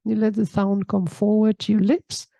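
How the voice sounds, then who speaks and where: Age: adult. Sex: woman. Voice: gravelly, mellow, dry sound. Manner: calm spiritual teacher, checks in with a soft hmm. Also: medium pitch, moderate pace, dry recording. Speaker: yoga teacher. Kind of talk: spiritual talk reading and explaining a text.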